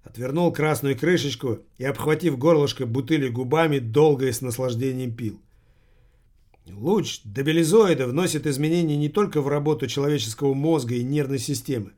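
Deadpan male audiobook narrator. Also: mid-range voice, a little fast.

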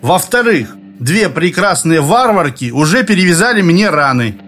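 A man reads as a boastful boy playing a gallant warrior in a storybook, barking orders in a mock-grand tone. His voice sits a touch high, with faint music behind. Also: big pitch swings, normal speed, fairly bright tone.

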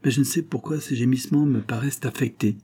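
A man giving a measured, steady reading of a novel as an audiobook narrator. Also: mid-range voice, husky. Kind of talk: scripted literary narration.

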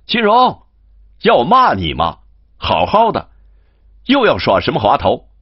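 A man's voice: sits low, wildly swooping pitch, moderate pace, breathy edge, dry recording, muffled recording, heavily acted. A man playing a spoiled young rich master. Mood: bantering. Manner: bantering, mock-scolding.

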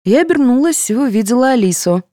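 A woman reading a first-person audiobook in a wry, expressive way. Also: fairly high pitch, fast, dry recording, clean studio sound. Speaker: audiobook reader.

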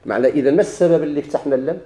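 A man's voice: fairly high pitch, racing, mellow. A man with a Moroccan accent teaching a grammar lesson, putting questions to his students and answering them himself, repeating each key point.

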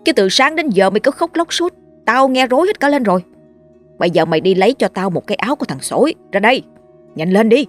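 A woman's voice: on the low side, animated, brisk. Brief: woman doing bossy old male sorcerer, scolding, faint music bed. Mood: gruff commanding. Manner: barking orders, scolding.

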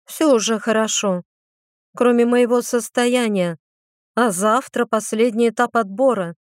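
A woman voicing a spirited young female mage student, lively and a little whiny. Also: fairly high pitch, a little slow, no room sound, studio quality, lightly acted. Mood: brisk.

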